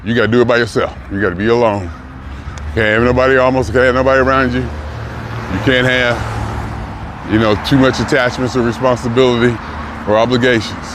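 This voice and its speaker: Older man, early sixties, reflective vlogger, halting and musing, walking a busy street, audible traffic behind. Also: medium pitch, fairly even intonation. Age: 60s. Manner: musing, halting, thinks aloud with pauses and restarts. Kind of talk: reflective personal vlog. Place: outdoors on a city street, walking. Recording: outdoor traffic noise. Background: passing cars and street noise.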